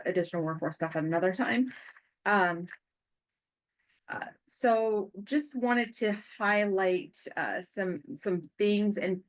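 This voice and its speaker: Lower-pitched American woman presenting. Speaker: county job center presenter. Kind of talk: informational presentation at a public meeting.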